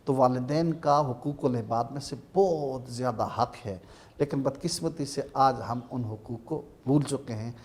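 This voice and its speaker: On a Ramadan TV program, a male religious scholar with a Pakistani Urdu accent and a mid-range voice gives an emphatic, sermon-like talk, reciting verses slowly.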